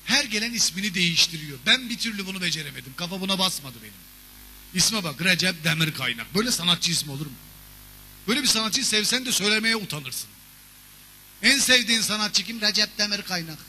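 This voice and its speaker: A man's voice: high-pitched, quick pace, slight background noise. A man performing a stand-up comedy monologue on a theater stage, telling stories animatedly. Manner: animated storytelling with shouted character voices. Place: theater stage before a live audience. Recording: long reverb of a stage hall.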